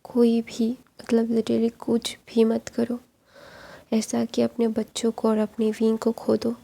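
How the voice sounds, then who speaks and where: A woman voicing an earnest, hushed older brother. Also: a little high, monotone, takes it slowly, gravelly, exaggerated voice. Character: calm older brother giving earnest advice.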